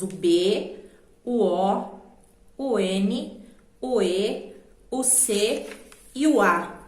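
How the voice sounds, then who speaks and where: A woman with a Brazilian Portuguese accent teaching a children's grammar lesson, patiently slowing down to spell out letters and syllables. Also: mid-range voice, a little mellow. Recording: echoey room.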